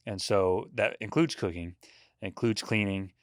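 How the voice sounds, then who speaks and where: A man's voice: on the low side, unhurried, dry recording, clean studio sound. Man in his forties, laughing storyteller. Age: 40s. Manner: relaxed, rambling storyteller who laughs often. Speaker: podcast guest. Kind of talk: casual chat.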